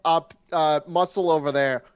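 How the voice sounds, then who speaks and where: A man's voice: a little high, fairly even intonation, normal speed, a crowd in the background, lightly acted. A man voicing a brash, oblivious canoeist who calls back insistently to lagging friends in a tabletop game. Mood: brash, impatient.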